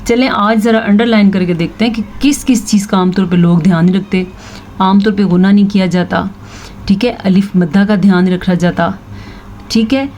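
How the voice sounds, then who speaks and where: A woman teaching tajweed, slowly reciting verses and patiently explaining how each letter is pronounced. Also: mid-range voice, steady tone, darkish tone, a little hiss or hum. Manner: slow, drawn-out recitation of verses between quick spoken explanations; patient, instructive, repeats each word to correct common mistakes. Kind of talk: tajweed lesson with recited examples.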